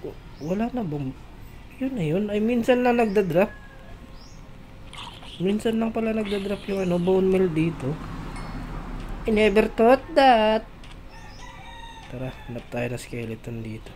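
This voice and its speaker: A congested gamer, still getting over a cold, chatting casually through mobile gameplay and calling out to monsters in a drawn-out singsong. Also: mid-range voice, expressive, a little hiss or hum. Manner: calls out to mobs in a drawn-out singsong. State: congested from a cold, chesty cough. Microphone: phone. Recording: loud game music behind voice. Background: game music.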